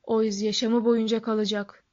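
A calm, wise old wizard , as a woman reading puts him on, speaking low, soft and measured in a storybook. Her voice sits fairly high, and the recording is dull and lo-fi. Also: lightly acted. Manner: quiet, measured, gentle.

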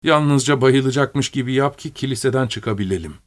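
A man's voice: medium pitch, brisk, natural voice. A man voicing a bold young nobleman who speaks firmly and gives commands. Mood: commanding. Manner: firm, commanding delivery.

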